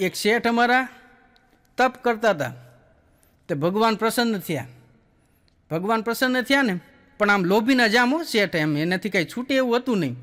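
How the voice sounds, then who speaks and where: High-voiced Kathiawadi Gujarati comedian, hall reverb. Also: male voice, lively intonation, moderate pace, long pauses, fairly bright tone. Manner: folksy storyteller acting out characters in quotes. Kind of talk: stand-up joke telling.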